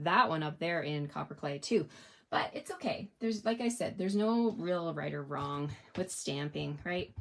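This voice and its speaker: A woman giving a chatty, upbeat card-stamping tutorial at her craft desk, talking straight to her viewers. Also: fairly low pitch. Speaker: craft demonstrator.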